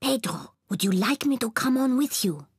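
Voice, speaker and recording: A woman speaking gently in a children's cartoon, with a storybook delivery. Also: on the high side, expressive, moderate pace, husky, no room sound, clean studio sound.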